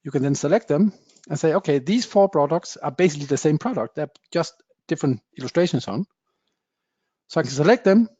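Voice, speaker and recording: During a software demo, a man with a fairly high pitch explains things simply, often saying "uh," his phrasing that of a non-native speaker. The sound is dull, dry webinar audio without echo.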